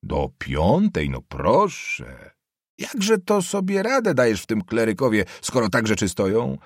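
Haughty young nobleman, raspy and imperious, a male reader putting him on, lively pitch. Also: normal speed, no echo, clean studio sound. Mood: commanding. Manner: hoarse, commanding, mocking questions.

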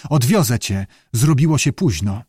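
A man's voice: medium pitch, animated, normal speed, mellow, husky, no echo, clean studio sound. A male audiobook reader voicing an earnest grown son who argues with his father and later worries over him. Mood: worried. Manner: pleading, concerned. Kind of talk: audiobook character voice.

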